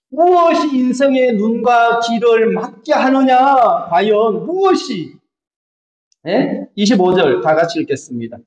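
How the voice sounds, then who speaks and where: A male pastor delivers a lively sermon, throwing questions out to his congregation. His voice sits high and swings widely in pitch. The recording is dull and lo-fi, with the echo of a large sanctuary. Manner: animated, asks the congregation questions. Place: church sanctuary. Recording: echoey church hall, dull lo-fi sound.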